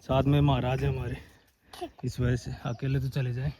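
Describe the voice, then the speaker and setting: A man with a hoarse, scratchy throat narrating a casual outdoor vlog as he walks over dunes and up a forested hill, chatting to his viewers. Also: medium pitch, flat delivery, moderate pace, warm tone. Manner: chatty, keeps calling viewers "brother". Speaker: vlogger.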